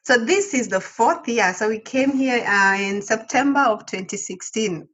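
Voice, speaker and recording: A woman's voice: fairly high pitch, expressive, normal speed, fairly bright tone, slightly rough. A woman from Kenya, talking chattily as a guest missionary, with frequent hesitations. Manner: chatty, hesitant with many ums. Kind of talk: casual interview chat.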